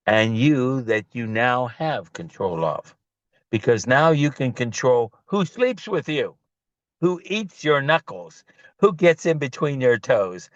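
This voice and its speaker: A man pitching his bedding product as a guest on a video call, talking in a loose, digressive way. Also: no room sound, highs cut off. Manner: loose, digressive, animated storytelling.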